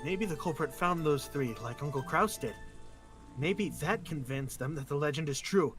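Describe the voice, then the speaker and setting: A man's voice: fairly high pitch, moderate pace, music in the background, natural voice. A man voicing an earnest young man reasoning through a mystery in an amateur visual novel read. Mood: thoughtful.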